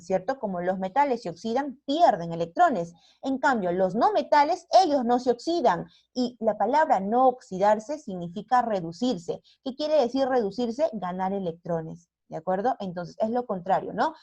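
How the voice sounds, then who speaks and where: A woman's voice: fairly high pitch, a little mellow. Woman teacher quizzing kids with questions. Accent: Peruvian Spanish. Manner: asks the class rhetorical questions and keeps checking in with tag questions. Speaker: primary school teacher. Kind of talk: online science lesson.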